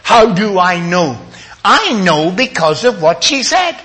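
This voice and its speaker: An older man preaching a sermon, dramatic, dropping to a hush and then rising to emphatic appeals. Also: high voice, big pitch swings, slow pace. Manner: dramatic, swinging from hushed to emphatic.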